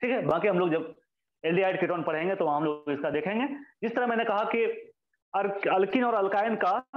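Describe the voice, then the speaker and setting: A man teaching chemistry in a classroom lecture. He asks questions and answers them himself, and repeats key terms for his students. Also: high-pitched. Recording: echoey, dull lo-fi sound.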